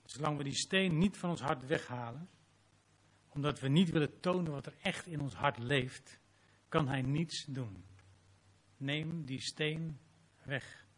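A man's voice: a little high, lively intonation, moderate pace, slightly rough. A man preaching a sermon as pastor, reading scripture dramatically and closing in prayer.

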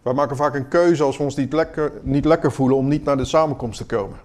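A man preaching a sermon in an earnest, questioning way, moving between quiet moments and emphatic ones. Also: medium pitch, fast.

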